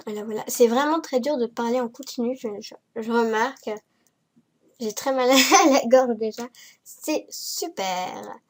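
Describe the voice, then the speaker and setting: A woman with a cold, hoarse and nasal, rambling hesitantly and self-mockingly through a casual gameplay voice-over. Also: a little high. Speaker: Sims building YouTuber.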